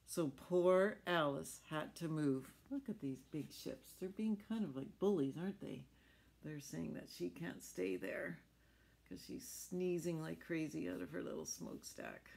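This middle-aged woman's low voice swings widely in pitch and is slightly rough, darkish and touched with vocal fry. She reads a picture book to children unhurriedly in a small furnished room at home, adding chatty explanations and little questions.

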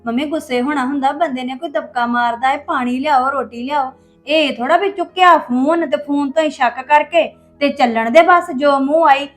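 A woman's voice: sits high, moderate pace, soft background music, natural voice. A young woman playing a hurt, defensive wife who complains and pleads in a family drama. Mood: upset. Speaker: actor in a family web drama. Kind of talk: acted family drama dialogue.

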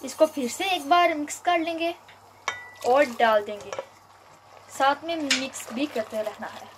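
A young woman hosting a home cooking video, calmly explaining each step with frequent pauses and fillers, recorded on a phone in her kitchen. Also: high-pitched, a little hiss or hum. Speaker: cooking channel host. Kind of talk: home cooking tutorial narration.

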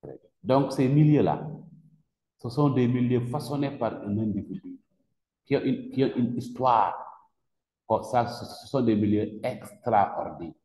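A man with a Senegalese French accent teaches a class in an echoey room with long reverb. His voice is medium in pitch and dark in tone, and he speaks a little slowly with long pauses, questioning students and stressing key words by repeating them.

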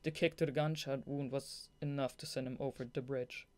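Between read passages of a novel, a young audiobook narrator drops giggly, excitable blooper asides. The voice is mid-pitched and the pace normal.

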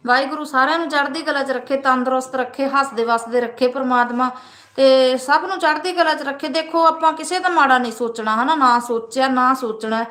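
A woman's voice: high-pitched, a little fast, a bit bright, roomy sound. A woman with a Punjabi Malwa accent, hosting a casual motivational live stream, talking earnestly and often asking her viewers "right?".

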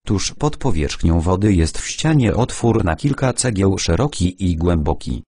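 Audiobook figure: a man doing an eccentric old dowser, low and rumbling, solemn. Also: sing-song, moderate pace, a little mellow, slightly rough, dry recording, studio quality, heavily acted. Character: eccentric older man, bearded clairvoyant dowser.

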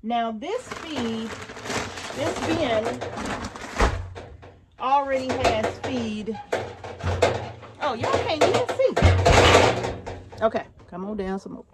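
A woman's voice: a little high, lively intonation, slow, pauses often, over loud music. A middle-aged woman, chatting casually to viewers as she shows around her barn, checking in with them often. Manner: chatty, addresses viewers directly with frequent check-ins. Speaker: homesteader vlogger. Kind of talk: casual show-and-tell vlog. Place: open wooden barn outdoors. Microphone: phone at arm's length.

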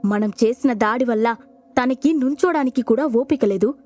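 A woman's voice: a little high, moderate pace, dark tone, no room sound, faint music behind, natural voice. A woman voicing a hot-headed swordsman who speaks with scorn, in an audio storybook. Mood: scornful. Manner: scornful, warning.

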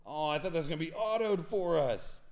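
A young man hosting a live card break, chatting and rambling excitedly to viewers as he calls out cards. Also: fairly high pitch, brisk. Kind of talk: casual live-stream card break commentary.

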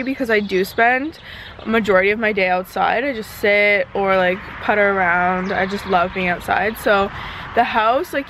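A lifestyle vlogger in her twenties chats casually in a rambling vlog, holding the camera at arm's length, mostly in a leafy backyard and briefly in a home kitchen. Her voice is medium-pitched and fairly bright, with outdoor background noise.

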